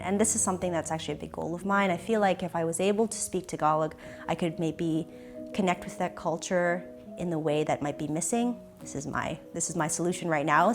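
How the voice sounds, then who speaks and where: In an interview, a young Canadian woman with a Canadian English accent reflects thoughtfully, hesitating, pausing often and restarting her sentences. Her voice leans low.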